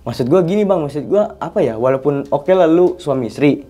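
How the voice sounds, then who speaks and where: A young man, a podcast guest casually telling a story in slangy, animated chat. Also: a little high, a little fast. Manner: animated, slangy, often addresses the host as 'Bang'.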